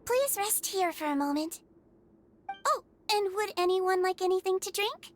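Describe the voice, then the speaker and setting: A woman voicing a small, caring, girlish creature nurse in a video game, gentle and fussing as she gives instructions. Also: very high-pitched, animated, measured pace, slight background noise. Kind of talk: video game character acting. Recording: music playing behind voice.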